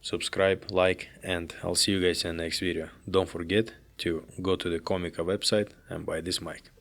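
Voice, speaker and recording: A man with a low voice gives a casual gear review to camera, speaking into a handheld interviewer mic from inside a car. His delivery stays flat and even, and his phrasing is loose and rambling with frequent restarts. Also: moderate pace, gravelly. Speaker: vlogger reviewing microphones.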